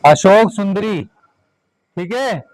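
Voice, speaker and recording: A man's voice: high-pitched, animated, slow, low-quality recording. A man teaching a class of children, giving directions and repeating short commands.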